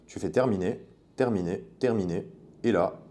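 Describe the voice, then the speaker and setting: A man's voice: deep voice, moderate pace, warm tone. A man giving a casual, chatty tutorial as a coach, speaking directly to the viewer. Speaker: online business coach.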